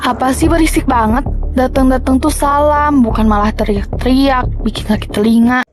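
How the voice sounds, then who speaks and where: A woman plays a stern middle-aged mother who scolds in a high, firm voice. Faint music plays behind her. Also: moderate pace, lightly acted. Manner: scolding, stubborn.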